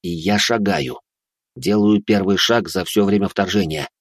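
A man narrating a first-person fantasy audiobook in a steady, dramatic reading style. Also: low-pitched, a little slow, dry recording, studio quality.

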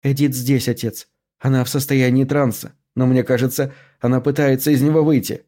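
A man voicing a worried young woman in an audiobook, speaking softly and urgently. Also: mid-range voice, flat delivery, a little fast, lightly acted.

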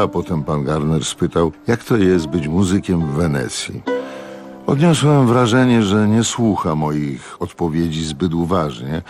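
A man narrating a radio audiobook in a measured, expressive storytelling manner. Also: sits low.

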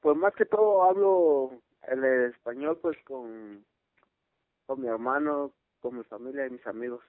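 Young man from guatemala, halting answers, dry tinny phone sound. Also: mid-range voice, no room sound. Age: 20s. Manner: hesitant, searching for words. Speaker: interviewee. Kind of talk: casual phone interview.

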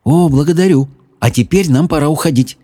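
A man's voice: fairly high pitch, brisk, mellow, dry recording, studio quality, pitched above the performer's own voice, lightly acted. A man doing an earnest, polite young boy.

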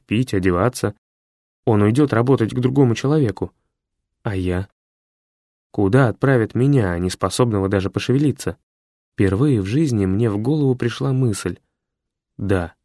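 A man's voice: lowish voice, dark tone, dry recording. Man reading a first-person story, dry close sound. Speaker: audiobook narrator. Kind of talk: first-person audiobook narration.

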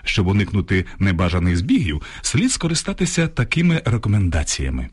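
A man presenting a scripted radio talk on grammar, reading out word lists in a measured way. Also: fairly low pitch, wildly swooping pitch, soft background music. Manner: measured, lists examples slowly. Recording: radio studio broadcast.

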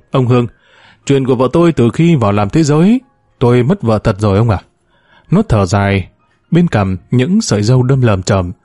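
A man calmly reading a first-person story aloud, voicing every character in his own even tone. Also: mid-range voice, dry recording, clean studio sound. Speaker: audiobook narrator.

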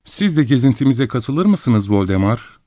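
A man's voice: mid-range voice, sing-song, normal speed, warm tone, dry recording, studio quality, voice pushed up, close to an everyday voice. A man voicing a playful, mocking young princess in an audiobook reading. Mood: coquettish. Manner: mocking, coquettish.

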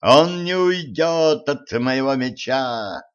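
A man voicing a bold young hero-prince who bellows slow, drawn-out challenges, on a dull lo-fi recording. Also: medium pitch, animated, smooth, voice pushed up. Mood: bellowing challenge. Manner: shouting, drawn-out, heroic. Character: young male hero-prince, loud, bombastic.

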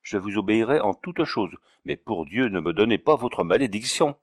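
A man reading aloud, voicing a gentle young woman who speaks in an imploring way. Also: on the low side, animated, normal speed, no echo, clean studio sound. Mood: pleading.

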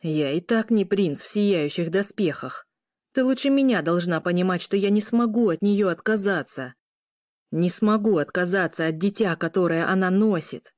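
A woman voicing a brooding, possessive male werewolf in an audiobook, low and insistent. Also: moderate pace, darkish tone, no echo, clean studio sound, natural voice.

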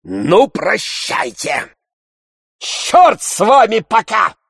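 A man voicing a coarse, blustering middle-aged freeloader who shouts his demands, recorded dry in an audiobook. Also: medium pitch, very animated, takes it slowly, no echo, pitched above the performer's own voice, heavily acted. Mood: bellowing.

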